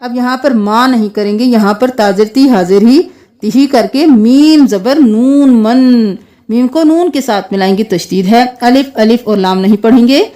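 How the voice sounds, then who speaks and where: High-voiced woman teaching Quran recitation. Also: mellow. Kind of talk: tajweed lesson with slow chanted recitation.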